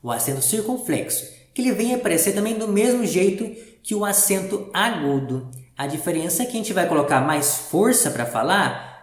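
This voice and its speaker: A man teaching a reading lesson to young pupils, explaining patiently step by step and asking the class questions. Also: a little high. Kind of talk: primary school reading lesson. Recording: roomy echo.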